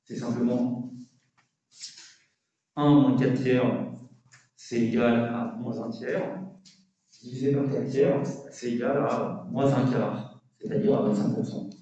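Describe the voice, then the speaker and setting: Lecturing to students through a face mask, this university lecturer takes his statistics calculations slowly and step by step, pausing often, correcting himself and asking check-in questions. His voice is medium-pitched, steady and warm. A distant mic in the lecture room makes the sound muffled and heavily echoey.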